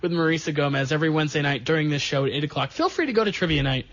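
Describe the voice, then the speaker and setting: A man's voice: on the high side, lively intonation, racing, fairly bright tone, no room sound. A man hosting a sports podcast, talking casually with sarcastic jokes and asides. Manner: chatty, jokey, sarcastic asides. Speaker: podcast host. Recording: dull lo-fi sound.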